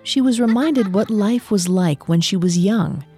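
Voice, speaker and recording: A woman narrating a mythology podcast in a measured storytelling manner. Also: medium pitch, mellow, soft background music.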